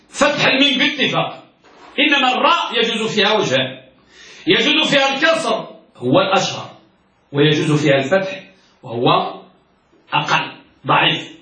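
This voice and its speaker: A man teaching a classroom lesson as a sheikh, his voice high and bright. He poses questions to his students, answers them, and repeats the key words. He is heard from a distance in a strongly echoing room. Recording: echoey room from far off.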